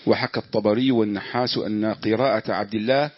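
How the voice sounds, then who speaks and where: A man reading a classical religious commentary aloud in measured, formal recitation. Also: fairly even intonation, dry recording. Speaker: student reading the text aloud. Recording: dull dry low-fi recording.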